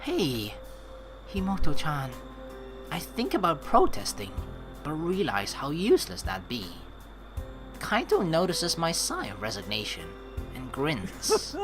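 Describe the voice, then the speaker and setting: With music playing in the background, a man commentates on a game as a let's player, reading out narration and dialogue. He's animated and rambling yet unhurried, and his pitch runs fairly high.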